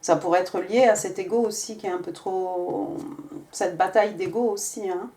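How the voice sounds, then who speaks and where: A woman's voice: medium pitch, steady tone, normal speed, dark tone. A woman giving a casual tarot reading, talking with many hesitations and restarts. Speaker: tarot reader.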